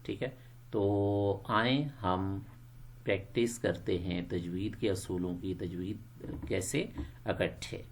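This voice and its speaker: A man teaching English phrases to Quran teachers, quick in his explanations and slow and clear when he models a phrase. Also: low-pitched, fairly even intonation, a little hiss or hum.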